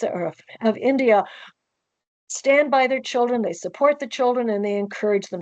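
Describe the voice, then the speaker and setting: A woman's voice: fairly high pitch, darkish tone, dry recording. An older woman with a soothing transatlantic accent and an elegant old-Hollywood way of speaking, answering questions as a guest on a video call. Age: older, 60s or above. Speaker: guest author and presenter. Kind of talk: conversational question-and-answer on a webinar. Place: book-lined room at home, on a video call. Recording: dull, lo-fi video call audio.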